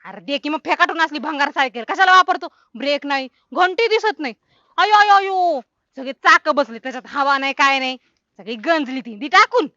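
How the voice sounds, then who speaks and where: A woman's voice: high-pitched, animated, a little fast, bright, forceful tone, no echo, muffled recording. A woman acting in a rural comic skit, bossy and scolding in village speech. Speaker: village comedy sketch actress.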